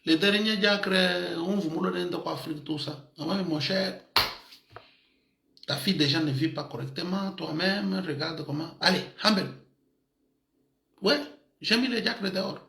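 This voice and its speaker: A man preaching an animated sermon as a pastor, lively and often laughing, mixing in African words. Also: high-pitched, a little slow, creaky, long pauses, roomy sound, background noise. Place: church in Madrid.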